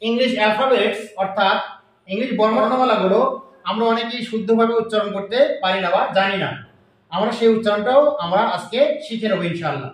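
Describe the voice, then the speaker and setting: A man teaching English to a class. He says each sound slowly and has the students repeat it back. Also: high voice. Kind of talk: classroom teaching with call-and-response drills. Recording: echoey room, voice from far off.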